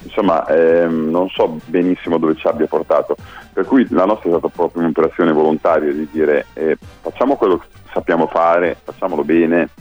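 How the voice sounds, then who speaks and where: Phone-in guest: deep-voiced man on a dull line, hesitant, lots of ums. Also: steady tone, a little fast, faint music behind. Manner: hesitant, many fillers. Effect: heard over a phone line. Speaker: musician guest. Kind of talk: casual interview chat. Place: home kitchen.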